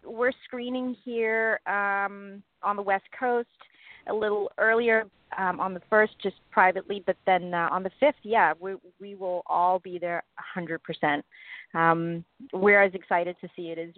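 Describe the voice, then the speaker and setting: A woman's voice: mid-range voice, normal speed, no room sound. A woman guest from Africa, chatting and laughing easily in an interview. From South Africa. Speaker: actress guest. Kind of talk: casual interview. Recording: dry tinny phone line.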